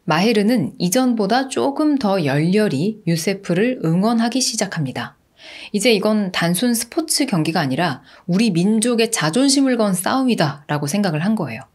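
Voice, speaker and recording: A woman telling a true-crime story with a lively, rising-and-falling pitch and a chatty manner. She keeps turning to the listeners with rhetorical questions as she narrates. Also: normal speed.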